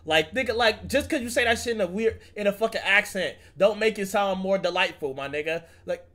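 A man's voice: high voice, a little fast, sharp tone. A man streaming live, reacting to a video with casual, profane, mocking commentary.

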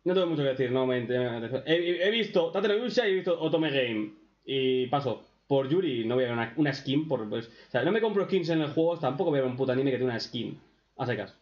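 A man's voice: mid-range voice, expressive, a little fast. A man with an accent from Spain, doing crude, sarcastic reaction commentary as a streamer. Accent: Spain Spanish. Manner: foul-mouthed, sarcastic, mocking. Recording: echoey room, dull lo-fi sound.

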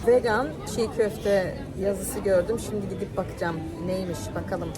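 A woman's voice: mid-range voice, moderate pace, music in the background, a crowd in the background. A woman vlogger chatting casually as she shows what she finds while out and about. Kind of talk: casual vlog chat. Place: outdoor market and open-air seating. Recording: very noisy busy outdoor street.

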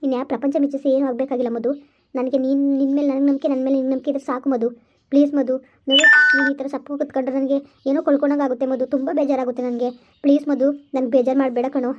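A devoted young wife, voiced by a woman who coaxes and pleads with her husband. She talks quickly in a gentle, lower voice that keeps coming back to soft pleas. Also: little pitch movement, muffled recording, close to an everyday voice. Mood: coaxing. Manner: coaxing and pleading.

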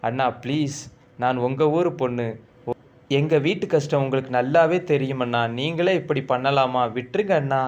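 A man's voice: mid-range voice, moderate pace, a little mellow, highs cut off, close to an everyday voice. A man voicing a frightened young village woman who pleads and begs through tears. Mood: pleading, tearful. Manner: tearful begging.

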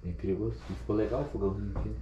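Rapid, low, mellow Brazilian man. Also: steady tone, muffled recording, slight background noise. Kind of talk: casual chat. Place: inside an abandoned wooden house. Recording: roomy, echoing camera audio.

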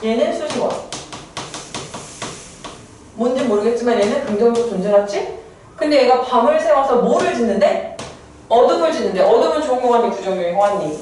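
A woman teacher walks her students through a poem in a chatty, playful way. She keeps tossing them quick questions. Her fairly high voice moves a lot, and it sounds distant in a heavily echoing room. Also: expressive, a little mellow, slight background noise. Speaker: Korean literature teacher. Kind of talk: lecture explaining a poem. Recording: echoey room heard from a distance.

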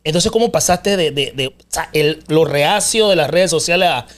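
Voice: mid-range voice, moderate pace. A co-host of a casual talk show, asking questions and chiming in with agreement. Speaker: podcast co-host. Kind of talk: casual interview chat.

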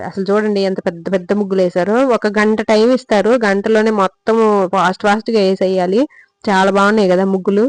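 A woman vlogger rattles along quickly in a casual voice-over. Her pitch barely moves, and she speaks straight to her viewers. The close mic sounds dry, with no room sound at all. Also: darkish tone, dry recording, low-quality recording. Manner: chatty, addresses viewers directly.

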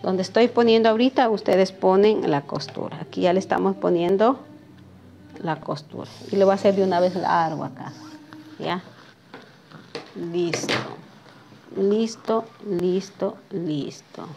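Her voice is medium in pitch, creaky and mellow, and she talks a little slowly. Standing at the cutting table of a sewing workshop, this teacher drafts a pattern during a live class. She's chatty, greeting viewers by name and often checking in with "¿sí?"

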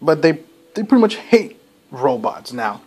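A man's voice: very animated, measured pace, a little mellow, breathy edge. A man giving a casual, rambling comic book review, swearing often and laughing as he goes. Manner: rambling, laughing, profane, with sudden jumps in pitch.

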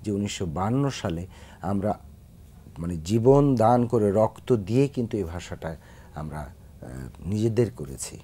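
Earnest Bangladeshi man with a dark voice. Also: fairly low pitch, lively intonation, normal speed, breathy edge. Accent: Bangladeshi Bengali. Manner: earnest, lecturing about proper pronunciation. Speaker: singer, guest. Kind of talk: studio interview.

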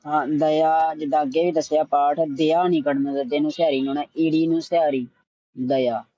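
A man teaching scripture recitation, patiently correcting pronunciation and repeating words slowly to demonstrate. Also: on the high side, flat delivery, warm tone, dry recording, highs cut off.

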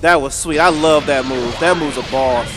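A high-pitched man calling out his own online match as it happens. He talks at the screen, cheers, groans and shouts at his opponent, with game music clearly playing underneath. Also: moderate pace. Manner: excitable, talks to the screen, frequent outbursts and shouts. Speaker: gaming channel host. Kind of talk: live gameplay commentary.

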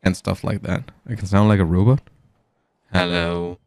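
A man with a low, warm voice talks fast and chattily to his viewers during a casual live game stream. He uses a studio mic run through an audio mixer, and there's no room sound.

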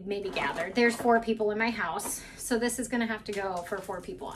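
A woman's voice: a little high, recorded from a distance, slight background noise. Chatty woman vlogging from her kitchen. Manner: chatty, candid, self-deprecating asides. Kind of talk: casual grocery haul chat. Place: home kitchen, indoors. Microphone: camera mic at a few feet.

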